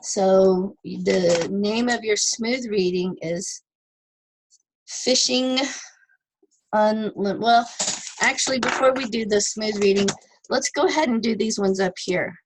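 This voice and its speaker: A woman's voice: mid-range voice, unhurried, husky, rough recording. A woman teaching an online ESL lesson, patiently sounding out words syllable by syllable and repeating them.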